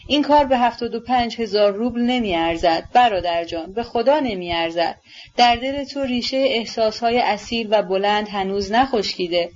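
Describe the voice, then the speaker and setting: A woman's voice: on the high side, close to an everyday voice. A woman voicing a spirited young woman who pleads with her brother in an agitated way, in a storybook reading on a dull recording. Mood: pleading.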